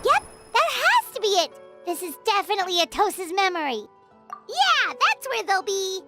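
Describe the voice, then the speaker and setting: A woman voicing a small, excitable, childlike female companion creature in a video game, with a squeaky voice and eager, exclamatory delivery. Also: normal speed, heavily acted. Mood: excited realisation. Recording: music behind the voice.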